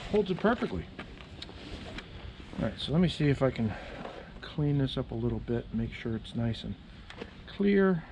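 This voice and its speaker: A man's voice: mid-range voice, big pitch swings, moderate pace, pauses often, noisy background. A man casually talking through his motorcycle camera setup outdoors, chatting to himself as he fiddles with gear. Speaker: motovlogger.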